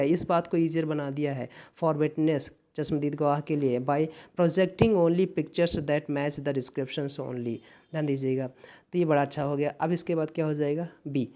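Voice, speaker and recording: A man's voice: fairly high pitch, mellow. A man teaching an exam-prep lesson, explaining answers, asking and answering his own questions and spelling words out letter by letter. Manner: mixes English terms into explanations in another language. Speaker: English exam tutor.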